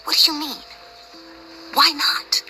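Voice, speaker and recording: A woman playing a grieving, hurt and suspicious young daughter in a video game, breathy and creaky, with a raw, probing delivery. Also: sits high, fairly even intonation, slow, sharp tone, faint music behind, full character voice. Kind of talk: video game dramatic acting.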